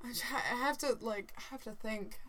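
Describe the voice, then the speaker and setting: A woman co-hosting a podcast in casual chat, often halting as she searches for words. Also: fairly high pitch, crowd noise, poor audio. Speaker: podcast co-host.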